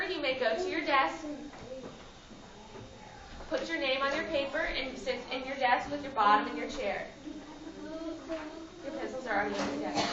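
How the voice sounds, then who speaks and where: A woman teacher using a kindergarten teacher voice, instructing young children with simple, repeated, directive phrases. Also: sits high. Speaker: early elementary school teacher. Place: classroom with children, indoors. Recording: dull, roomy, distant classroom recording with children.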